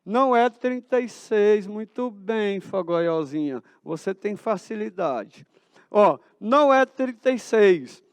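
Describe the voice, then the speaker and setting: In a school auditorium, a Brazilian Portuguese-accented man leads a math lesson, asking the class a question and then answering it himself. His voice is high and his delivery slow, and the recording is close and dry.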